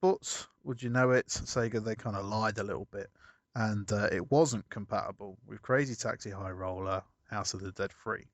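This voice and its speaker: A man's voice: lowish voice, normal speed, dry recording. A man chatting casually as a podcast co-host, rambling through a story and correcting himself as he goes. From United Kingdom.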